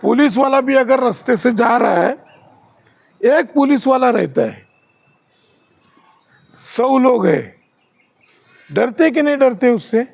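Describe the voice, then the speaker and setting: A man's voice: very high voice, expressive, slow pace, creaky, pauses often. A man training security guards in class, quizzing the trainees with questions and showing rude and polite ways to talk.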